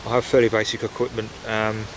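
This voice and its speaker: Speaking fast in a completely flat, low-side voice, a pipe-smoking vlogger rambles reflectively and hesitantly outdoors in woodland. The simple equipment picks up wind noise, along with rustling leaves in the background.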